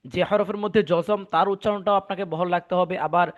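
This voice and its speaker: A man's voice: high voice, steady tone, a little fast, muffled recording. A man from Bangladesh teaching an online Quran recitation class, patiently repeating letter drills and checking in with his students.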